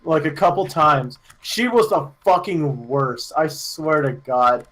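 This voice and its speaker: A man co-hosting a casual podcast chat, telling a school story with laughs, swearing and yelled impressions. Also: fairly high pitch, animated, slow pace, a little hiss or hum. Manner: laughing, swearing storyteller who mimics yelling. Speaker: podcast co-host.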